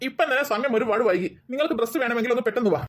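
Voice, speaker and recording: Woman voicing a stern cartoon dad, rattles off orders super fast, a bit high. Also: lightly acted. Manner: bossy, lecturing, hurried. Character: stern thrifty father of two girls. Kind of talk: cartoon voice acting.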